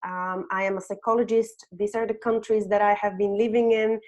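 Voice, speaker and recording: A Bulgarian-born HR consultant in her thirties hosts a webinar with slides, peppering her speech with "um" and "okay?". Her mid-range voice has a darkish tone, and she talks a little fast with a flat delivery.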